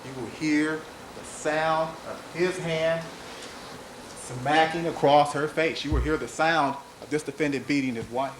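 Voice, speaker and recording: Deliberate man in a noisy courtroom. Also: fairly high pitch, fairly even intonation, a bit bright. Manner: measured, deliberate, emphatic repetition. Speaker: trial prosecutor. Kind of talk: courtroom opening statement. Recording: noisy archival courtroom audio.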